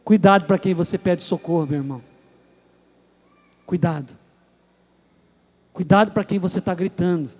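A young man preaching a sermon from Brazil, telling stories and acting out voices, moving between soft and loud. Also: high voice, normal speed, long pauses.

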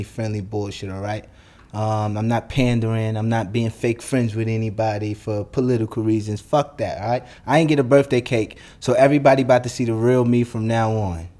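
A man's voice: on the low side, dark tone. A young man, ranting bluntly and profanely as a podcast host. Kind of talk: solo podcast monologue.

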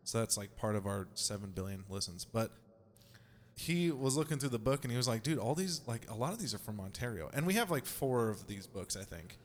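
A man's voice: medium pitch, animated, a little fast. Laid-back young man hosting a podcast. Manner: laid-back, swearing, laughing often. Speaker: podcast host. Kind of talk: casual podcast chat.

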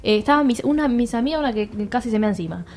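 A young woman with a Rioplatense Argentine accent telling a story to her friends in casual chat, slangy and animated, laughing often and acting out the voices of the people in it. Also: a little high, very fast. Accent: Rioplatense Argentine Spanish.

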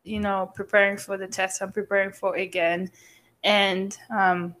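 Young woman, podcast co-host, casual chat, rambling, slightly sick, middle pitch. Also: level tone, unhurried, fairly bright tone. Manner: chatty, rambling with many fillers and restarts. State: coughing, a bit sick.

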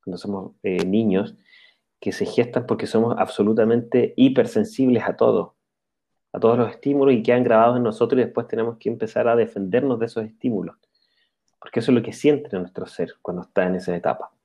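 A man giving a calm, reflective spiritual talk, often checking in with a questioning "ya" and pausing on "eh". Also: on the low side. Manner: calm, explanatory, pauses with "eh". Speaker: spiritual speaker. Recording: dull lo-fi recording.

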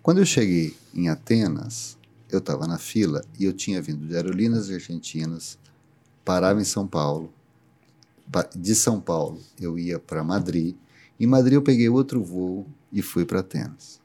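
A man's voice: low voice, normal speed. A middle-aged Brazilian man with a Brazilian Portuguese accent, chatting as a guest and telling a story with frequent laughs. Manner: animated storyteller who laughs often. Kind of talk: casual podcast chat.

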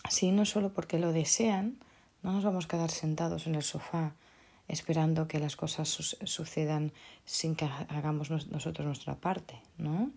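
A woman's voice: sits low, fairly even intonation, moderate pace, creaky, a little mellow, slightly rough. A woman giving an unscripted motivational talk, speaking hesitantly with many restarts and checking in with tag questions.

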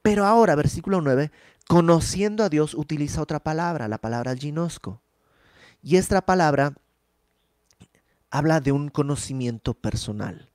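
A man's voice: on the high side, a little mellow, no room sound, clean studio sound. A man preaching a conversational sermon, explaining Bible verses with rhetorical questions and everyday examples.

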